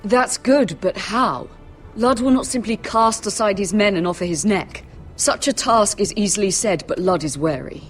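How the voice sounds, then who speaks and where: A woman's voice: mid-range voice, normal speed, faint music behind, natural voice. An actress playing a stern, wary middle-aged noble mother in a dramatic video game, grave and firm. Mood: wary counsel.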